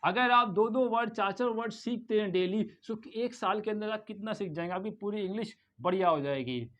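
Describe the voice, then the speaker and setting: A man's voice: sits high, fairly bright tone. Man drilling English words in Hindi. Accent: Lucknow Hindi. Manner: drills words by repeating them slowly with emphasis; asks the class questions and answers them himself. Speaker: English pronunciation teacher. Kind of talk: classroom-style pronunciation lesson.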